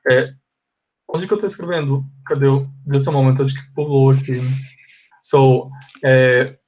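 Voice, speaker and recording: A man's voice: medium pitch, unhurried, a little mellow. A man with a Brazilian Portuguese accent teaching an online English class, switching between Portuguese and English and patiently repeating the forms. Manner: explains patiently, repeats forms, checks with students.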